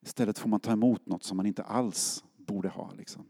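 A man's voice: fairly low pitch, steady tone, mellow, slightly rough. A middle-aged man from Sweden preaching a sermon as a pastor, in a casual storytelling way that acts out quotes. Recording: long hall reverb.

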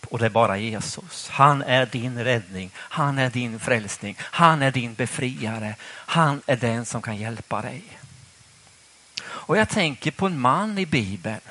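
A man's voice: medium pitch, fairly bright tone. Man, preacher, church sermon, conversational, questions to the congregation.

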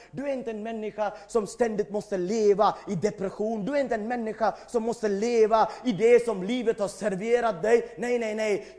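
High-voiced emphatic male preacher. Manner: emphatic preaching, swings between shouting and quiet. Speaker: pastor. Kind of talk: sermon.

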